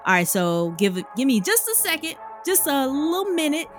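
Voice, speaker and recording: A woman's voice: high-pitched, very animated, normal speed, faint music behind. A woman hosting a podcast, chatting casually and upbeat, often addressing listeners as y'all. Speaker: podcast host.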